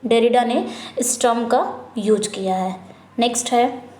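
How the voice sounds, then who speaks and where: A woman teacher working through an English exam practice paper, reading each question slowly and then asking and answering it herself, repeating the answer. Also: a little high, a little mellow, a little hiss or hum. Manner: mixes Hindi with English terms, reads questions out slowly. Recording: echoey room.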